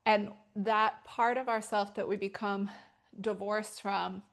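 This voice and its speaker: A woman's voice: medium pitch, little pitch movement, slow pace. A middle-aged woman teaching a yoga class and telling stories, talking casually and rambling with many fillers. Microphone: wearing a microphone.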